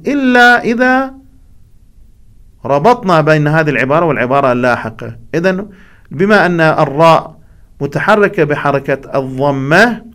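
A man's voice: fairly high pitch, a bit bright. A man teaching the rules of scripture recitation, explaining each point and breaking off to chant short examples.

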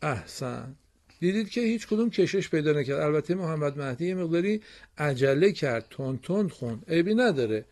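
A man teaching a broadcast reading lesson to children, explaining slowly and patiently and praising his pupils often. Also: fairly high pitch, animated, a little mellow.

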